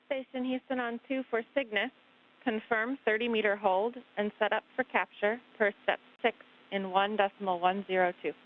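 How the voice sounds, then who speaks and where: A woman's voice: mid-range voice, fairly even intonation, moderate pace. A woman at mission control gives clipped procedure instructions over a crackly space-to-ground radio link. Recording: tinny radio link from far off.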